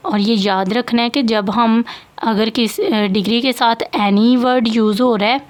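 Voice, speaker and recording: A woman's voice: fairly high pitch, a little slow. A woman teaching English grammar to students, explaining patiently and repeating key points. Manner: patient, repeats points, checks in with "theek hai". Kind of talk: slow classroom explanation of grammar.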